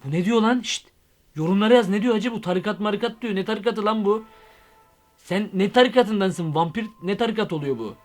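A young man doing a comic vlog monologue, excitable and rambling, full of slang. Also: high-pitched, fairly quick, soft background music. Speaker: YouTube comedian.

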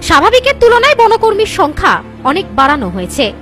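A woman's voice: very high voice, huge pitch swings, fairly quick, a bit bright, soft background music. A young woman with an Indian Bengali accent reading scripted news as a presenter.

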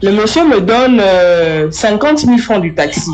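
A young woman tells her own story as a spoken testimony, speaking in a lively way straight to the listener. Her medium-pitched voice is unhurried, and the recording is rough.

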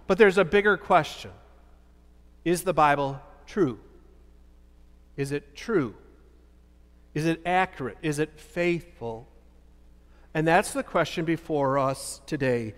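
A man in his fifties preaches from a lectern in a large church, his voice high for a man. He poses rhetorical questions and answers them with animated emphasis. A long hall reverb trails each phrase. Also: takes it slowly, long pauses. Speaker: pastor. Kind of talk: sermon.

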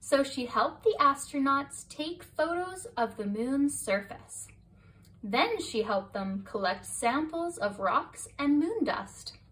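A woman reading a children's picture book aloud as a bedtime story, slow and expressive, her voice a bit distant from the mic. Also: high-pitched. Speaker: storybook reader.

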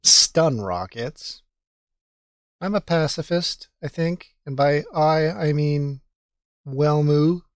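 A man's voice: on the high side, slow pace, no echo, studio quality. A young man giving playful, joking commentary while playing a point-and-click game. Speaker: streamer. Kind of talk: casual gaming commentary.

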